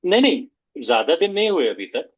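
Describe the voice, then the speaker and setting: A man acting an easygoing young nephew in a play over a video call, gently soothing his aunt. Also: fairly high pitch, big pitch swings, brisk, slightly rough, no echo. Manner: gentle, soothing, mixes in English. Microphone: video call audio. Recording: dry, dull muffled call audio.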